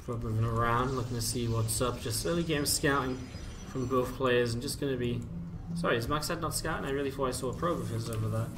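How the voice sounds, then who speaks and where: Talking quickly with few pauses, a man calls a video game live in a chatty, offhand style, musing out loud along the way. He's an esports commentator with a medium-pitched voice, positioned far from the mic, with music and a noisy background.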